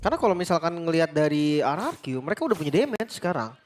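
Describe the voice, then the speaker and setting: A man's voice: fairly high pitch, very animated, very fast, a little hiss or hum. A man with an Indonesian accent commentating on and analysing an esports match as a caster.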